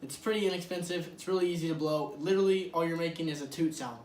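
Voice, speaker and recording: A man talks through a casual how-to lesson in a loose, chatty way, with a fairly high voice. He sits some distance from the mic, so the room rings around him and a faint hiss of background noise stays underneath. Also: fast, a little mellow, echoey room. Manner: loose and chatty, leans on "like" and "literally". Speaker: host of a duck hunting channel.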